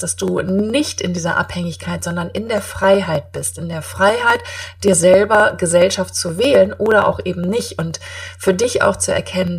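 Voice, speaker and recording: A woman's voice: on the low side, breathy edge, recorded from a distance. A woman hosting a podcast, giving an encouraging self-help monologue straight to the listener, emphatically rephrasing her key points. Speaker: podcast host.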